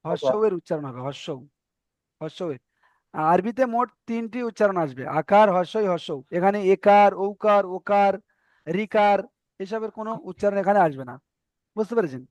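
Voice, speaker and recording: A man's voice: high voice, lively intonation, normal speed, darkish tone, no room sound. A man teaching Arabic letter reading in an online class, patiently repeating each point and checking that students follow.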